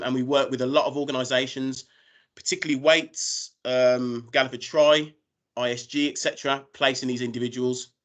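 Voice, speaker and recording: A man's voice: medium pitch, a bit bright. A British man giving an informal business presentation as a recruiter on a video call. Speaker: recruiter presenting job opportunities.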